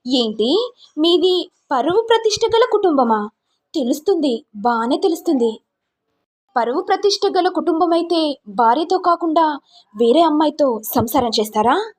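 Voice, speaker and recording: A woman's voice: sits high, lively intonation, normal speed, pauses often, darkish tone, pitched above the performer's own voice. A woman voicing a harsh male police sub-inspector who mocks and bullies a family. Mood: mocking. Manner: mocking, bullying.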